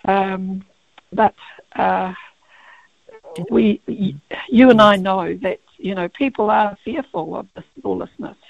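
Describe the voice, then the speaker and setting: A barrister joins a radio interview by phone, the line sounding tinny. Her mid-range voice is croaky and gravelly, and her speech is halting, full of fillers and false starts.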